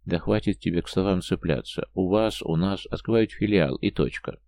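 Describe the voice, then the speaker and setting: A man's voice: deep voice, moderate pace, creaky, mellow. A man voicing a persuasive, businesslike prosecutor in an audiobook. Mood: persuading. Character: prosecutor, persuasive old friend.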